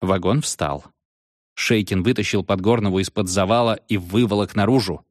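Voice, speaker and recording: A man's voice: on the low side, moderate pace, no room sound, clean studio sound. A man narrating a children's horror story, telling it expressively. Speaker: audiobook narrator.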